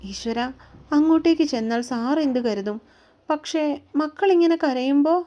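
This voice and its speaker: A woman's voice: high voice, moderate pace, mellow, highs cut off, pitched above the performer's own voice, close to an everyday voice. Woman voicing a devoted young caretaker. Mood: soothing. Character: young woman caring for twins, tearful and devoted.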